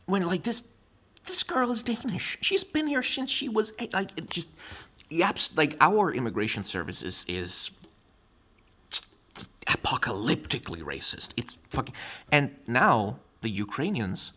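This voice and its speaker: A man's voice: on the high side, very animated, a little slow, sharp tone, husky. A man giving a casual, heated vlog rant, swearing freely and stumbling over repeated words as he goes. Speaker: vlogger. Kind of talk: casual, impassioned rant to camera.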